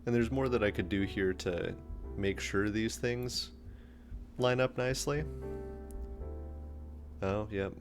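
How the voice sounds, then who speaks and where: Working through a design on a live stream, this streamer and engineering teacher thinks aloud with ums in a lowish voice, taking it slowly and pausing often. Background music plays throughout.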